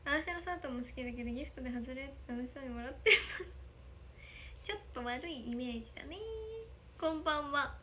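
A woman's voice: high voice, fast, sharp tone, slight background noise. A young woman in a casual livestream, reading viewer comments, thanking them often and giggling. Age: young adult. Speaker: idol livestreamer. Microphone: phone camera.

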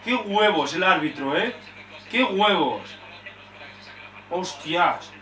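A man's voice: high voice, lively intonation, slow pace, recorded from a distance. A young man from Spain reacting to a live football match, frustrated and swearing often. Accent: Spanish from Spain. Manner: frustrated, swears often, shouts at big chances. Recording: roomy echo, off-mic.

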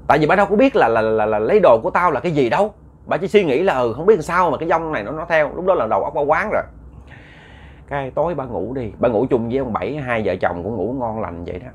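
A man's voice: medium pitch, animated, quick pace, husky. A man narrates a ghost story in a loose, conversational way. He stumbles over repeated words and keeps turning to address his listeners directly. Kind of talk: casual spoken storytelling.

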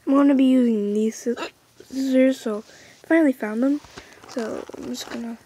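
Soft-spoken, hesitant female vlogger. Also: sits high, breathy edge. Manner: hesitant, halting, many fillers and restarts; soft-spoken, drifting into whispers. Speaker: vlogger unboxing a toy. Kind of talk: casual unboxing chat.

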